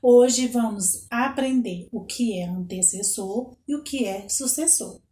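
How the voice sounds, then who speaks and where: A woman with a Brazilian Portuguese accent teaching young children, slowly spelling out letters and counting aloud. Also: fairly high pitch, dark tone, echoey room. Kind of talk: children's lesson.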